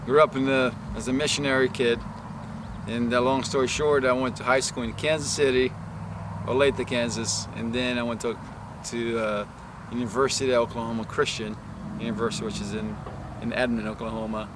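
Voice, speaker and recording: A Brazilian man who is a head women's soccer coach talks casually in an interview, his mid-range voice brisk and fairly even in intonation. He rambles, restarting often and leaning on "you know" fillers. Loud traffic noise fills the outdoor recording.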